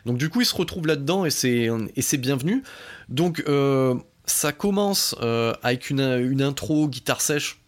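A man hosting a podcast, giving a casual, excitable album review full of swearing, fillers and restarts. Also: medium pitch, moderate pace.

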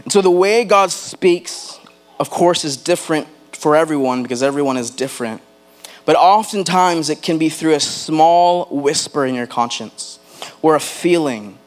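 A man preaching a sermon as pastor, earnest, slowing down to stress key words and putting questions straight to the congregation. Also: a little high. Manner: addresses the congregation directly with questions.

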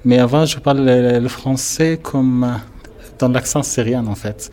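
A man from Syria, a student, speaking haltingly in an interview and searching for words. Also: medium pitch, steady tone, mellow.

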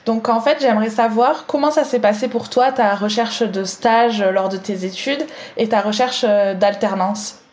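A French woman hosts a podcast, her slightly mellow voice sitting fairly high and moving at an ordinary pace. With a musical southern accent, she works through a prepared intro and then interviews her guest.

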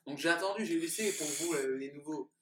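A man's voice: a little high, brisk, echoey room, crowd noise. A man hosting a casual chat, asking questions and bantering in a teasing, mock-solemn way.

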